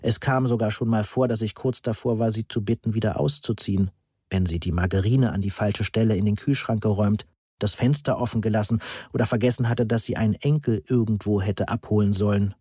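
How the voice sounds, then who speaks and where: A man reading a novel aloud as an audiobook narrator, dry and brisk. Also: lowish voice, fairly even intonation, warm tone, slightly rough, no echo. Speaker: audiobook reader.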